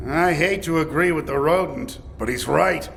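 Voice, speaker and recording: A man's voice: on the high side, normal speed, vocal fry, fairly bright tone. A man playing a dry, blunt critic in an audio drama, recorded with long reverb and faint noise. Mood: dryly reproachful.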